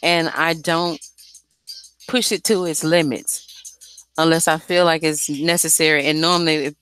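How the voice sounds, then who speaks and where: A woman singer-songwriter speaks in a low, clear, resonant voice with a touch of brightness, though it still has a light, airy feel. The talk is casual and unscripted, about making music, and she's candid, slangy and quick to swear.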